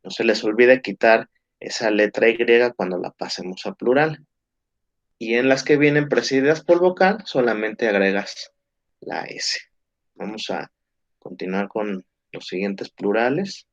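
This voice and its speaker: Male teacher for a video lesson, slow and patient, checking in with the class often, dull lo-fi recording. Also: fairly low pitch. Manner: slow, patient explaining with frequent check-ins. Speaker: English teacher. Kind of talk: video lesson explaining English grammar. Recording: dull, muffled lo-fi sound.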